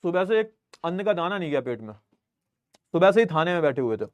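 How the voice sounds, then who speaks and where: Male online teacher, casual and talkative, slightly high pitch, dry close sound, often checks his audio. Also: sing-song, quick pace, dry recording. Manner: chatty, addresses students as "beta", keeps checking his audio. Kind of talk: casual live online class. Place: recording studio.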